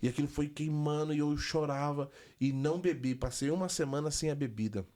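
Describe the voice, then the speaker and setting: A young adult man telling a personal story in a conversational way, animated and acting out the voices of the people in it. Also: on the high side, fairly quick. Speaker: guest giving a testimony.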